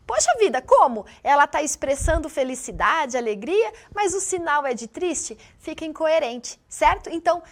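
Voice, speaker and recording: A woman's voice: high-pitched, expressive, moderate pace, hardly any pauses. A woman studio teacher running a live online class, upbeat and speaking straight to the students. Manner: upbeat, addresses students directly.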